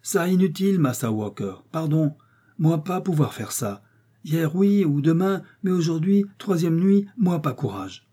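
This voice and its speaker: A man doing a high, frightened male servant. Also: animated, a little slow, warm tone, breathy edge. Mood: fearful, pleading. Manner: broken, pleading speech. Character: frightened male servant, torn between fear and duty.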